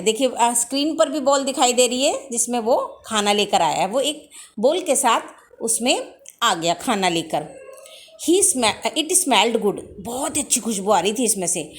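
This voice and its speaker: A woman teacher reads a children's story slowly in English and explains each line at length in Hindi. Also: a little high. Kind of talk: bilingual storybook lesson.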